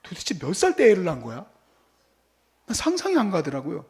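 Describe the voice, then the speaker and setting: A man's voice: sits high, wildly swooping pitch, a little fast, a little mellow. A man preaching a sermon as pastor, telling stories and acting out how he scolds and comforts his child.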